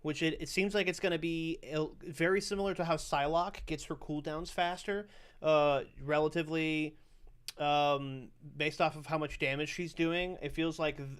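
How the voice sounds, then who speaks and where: A man's voice: fairly high pitch, fairly even intonation, moderate pace, clear, resonant tone. Rambling young man reacting to a game. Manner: loose, rambling, swears freely. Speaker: streamer. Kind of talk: casual reaction commentary.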